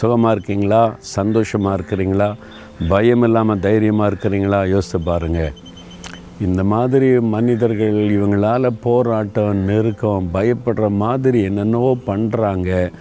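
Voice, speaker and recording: Male preacher, low mellow voice, earnest and encouraging, faint noise behind. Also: steady tone, unhurried. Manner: earnest, encouraging, asks listeners questions. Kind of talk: devotional sermon.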